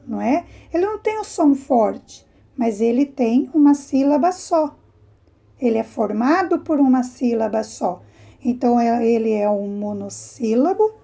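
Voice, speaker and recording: A primary school teacher with a high, warm voice gives a remote lesson to young children. She explains patiently, nudging them along with rising prompts.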